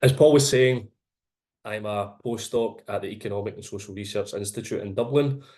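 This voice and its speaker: Speaking with a strong Glaswegian accent, a Glasgow man presents his research findings at an academic seminar, apparently over a video call. His fairly low voice stays measured and steady as he explains each point.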